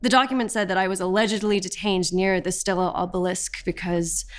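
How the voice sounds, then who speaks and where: A woman's voice: mid-range voice, brisk, close to an everyday voice. An actress playing a defiant young woman of twenty-one, telling her arrest story as documentary theatre testimony. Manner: animated, vivid storytelling. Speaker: actor.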